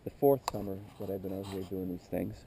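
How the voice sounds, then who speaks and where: A man's voice: low voice, fast, vocal fry, dark tone, slight background noise. A middle-aged man on a motorcycle trip, talking candidly and wearily to his camera outdoors by a rural road, often stopping to correct himself. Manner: candid, weary, circling back to correct himself. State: emotionally worn out. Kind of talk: rambling roadside monologue to camera. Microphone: camera mic.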